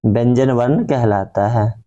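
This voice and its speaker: Man teacher, dark mellow voice, keeps asking the class questions and answering them himself. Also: medium pitch, dull audio. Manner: repeats key points as questions to the class; drawn-out chanting of example words. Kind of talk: grammar lesson.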